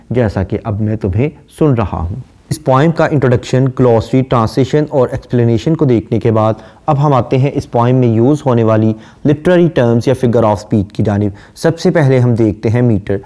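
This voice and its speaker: Mellow-voiced man lecturing on poetry. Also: medium pitch. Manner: reads English verse slowly, then explains at a steady pace; lists rhyme words in quick runs. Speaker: literature lecturer. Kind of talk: lecture explaining a poem line by line.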